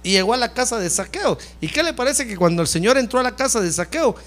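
A man's voice: very high-pitched, fast talker. A man preaching a sermon as pastor, talking straight to his listeners and often calling them brother. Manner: animated preaching that repeatedly addresses listeners as brother.

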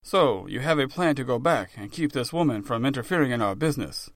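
A man voicing a calm, cold male crime boss who speaks quietly and probes his men. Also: mid-range voice, fairly quick, no echo, studio quality, close to an everyday voice.

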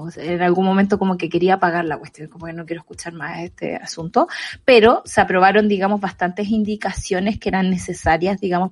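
Chatty woman co-host, breathy tone, casual delivery. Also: on the low side, darkish tone. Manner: chatty, restarts, laughs often. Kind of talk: casual chat.

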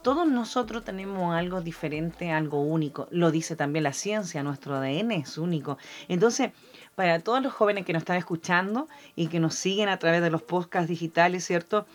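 A woman's voice: fairly low pitch, normal speed. Woman with mixed Chilean accent preaching. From Argentina. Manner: preaching, frequent "amén" and "¿cierto?" tags. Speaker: podcast co-host.

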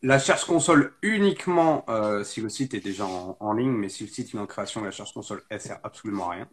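A man's voice: lowish voice, lively intonation, fast, slight background noise. A man talking casually as an interview guest, explaining things step by step with many hesitations. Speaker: SEO guest.

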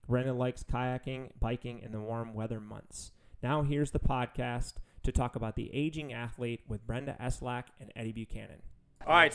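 A man's voice: mid-range voice, smooth, poor audio. A man in his thirties with a Southern US accent, hosting a running podcast in a studio, reading race results and then chatting with fillers. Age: 30s. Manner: reads a long list of race results, then chats with fillers. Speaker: podcast host and running coach. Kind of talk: podcast chat with a scripted intro.

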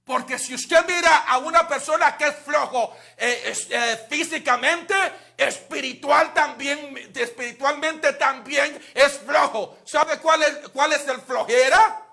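A man preaching a bilingual sermon. His voice sits unusually high and has a gravelly, fried edge. He talks slowly and leads the congregation in repeating words back to him. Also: bright, forceful tone. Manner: switches between Spanish and English, has the congregation repeat words.

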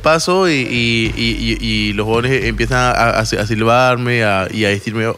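A man's voice: medium pitch, a little slow, over music. A man with a Lima Peruvian accent telling a long, rambling story in casual chat, full of slang, swearing and restarts. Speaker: podcast storyteller.

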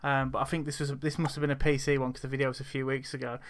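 A man's voice: medium pitch, little pitch movement, very fast. A British man chatting casually about games, telling anecdotes and often repeating "literally".

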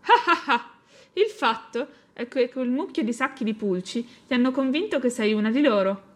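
A woman's voice: fairly high pitch, expressive, moderate pace, a little mellow. A woman voicing a mean female chimpanzee who screeches and mocks. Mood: mocking. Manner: screeching, mocking.

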